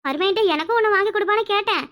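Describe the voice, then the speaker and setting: Woman voicing a tipsy old cartoon granny, very high and shrill, bright, whiny and rustic. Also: very fast. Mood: rambling. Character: boozy old village grandmother, sly and defensive. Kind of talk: cartoon voice acting.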